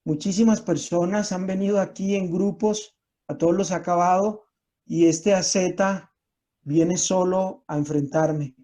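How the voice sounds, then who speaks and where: A man's voice: high-pitched, steady tone, unhurried. A man voicing a feared bandit killer in a told story, sneering and commanding. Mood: mocking. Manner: sneering, commanding shout from afar. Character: feared male bandit killer, mocking and menacing.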